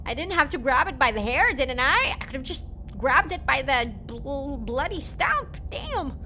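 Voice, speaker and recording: A woman's voice: high-pitched, big pitch swings, moderate pace, pushed and bright, slight background noise. A woman live-streaming a game, reacting aloud in a theatrical, over-the-top way. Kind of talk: live reaction gameplay commentary.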